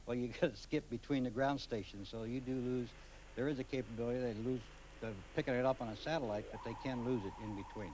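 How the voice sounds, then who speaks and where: A man's voice: mid-range voice, fairly even intonation, fairly quick, darkish tone, low-quality recording. A man giving plain, informal explanations as an expert guest on a live broadcast. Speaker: expert guest commentator, former astronaut. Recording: faint background noise.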